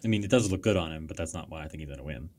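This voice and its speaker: A man's voice: a bass voice, racing, a little mellow. A Canadian man co-hosting a podcast, explaining politics in casual chat with a sarcastic edge. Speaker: podcast co-host.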